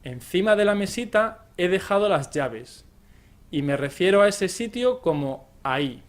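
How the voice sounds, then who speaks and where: A man with a Spain accent gives a scripted lesson at a slow, measured pace. His voice sits a little high for a man, and he spells things out with care. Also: expressive. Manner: slow, careful, with acted example phrases. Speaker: Spanish teacher.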